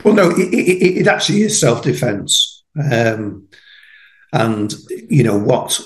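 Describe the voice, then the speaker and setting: Man in his sixties, guest on a podcast, casual and halting, mid-pitched voice. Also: poor audio. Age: 60s. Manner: halting, many repeated starts. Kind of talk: casual conversation.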